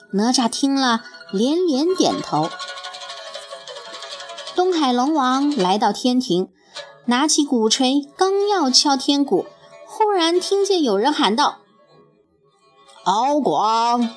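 A woman narrating a children's storybook in an expressive, lilting way. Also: high-pitched, slow pace. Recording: faint music bed.

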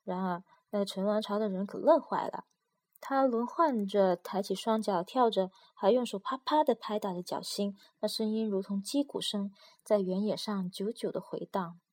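A woman narrates a children's storybook in an even, measured way. Her voice is mellow and warm, without any sharpness. She reads at a steady pace. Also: medium pitch.

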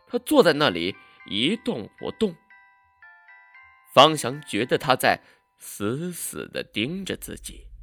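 A man narrating a horror story in a dramatic, suspenseful way, swinging between hushed and loud delivery. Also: medium pitch.

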